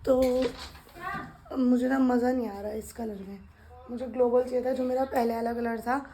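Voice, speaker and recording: Soft-spoken young woman vlogging at home. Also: on the high side, slight background noise. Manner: soft, slow talk to spare her voice. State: resting a strained throat. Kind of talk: casual vlog chat. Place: home kitchen.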